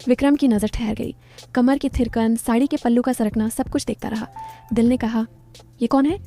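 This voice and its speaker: A woman narrating a scripted story in a steady, descriptive way. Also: fairly high pitch, normal speed, soft background music.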